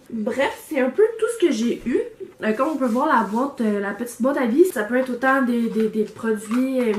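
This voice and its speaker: A woman's voice: a little high, darkish tone. A woman with a Québécois French accent chatting casually through an unboxing, rambling with lots of fillers and restarts, recorded on a camera mic. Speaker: vlogger reviewing a subscription box. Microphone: camera microphone. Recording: echoey room with faint background noise.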